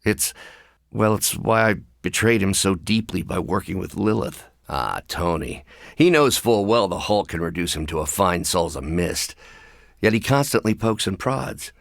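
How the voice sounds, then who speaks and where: An actor with a low, expressive, creaky male voice plays a video game scientist who is brilliant, anxious, and wry, with anger buried underneath. He speaks in precise, articulate, dryly sardonic phrases at a moderate pace, sounding measured and guarded. The studio recording is clean, with no room sound.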